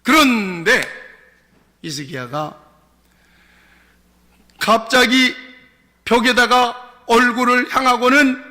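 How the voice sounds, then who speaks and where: A man's voice: very high-pitched, takes it slowly, long pauses, sharp tone. A male pastor preaching a sermon, leading his congregation in call-and-response. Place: church sanctuary. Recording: long church hall reverb.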